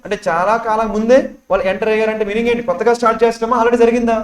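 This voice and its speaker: A man's voice: high-pitched, steady tone, very fast. A man with a Telugu accent teaching English for an exam, quizzing his class with constant questions and repeating key words. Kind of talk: classroom lecture explaining test questions. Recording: echoey classroom sound.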